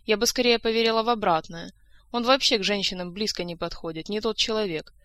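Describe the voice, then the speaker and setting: A weary female doctor with a sharp tongue, voiced by a woman reading aloud. She grumbles in an exasperated way and wants everyone out. The reading has a mid-range pitch. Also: quick pace, dry recording, natural voice. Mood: grumbling.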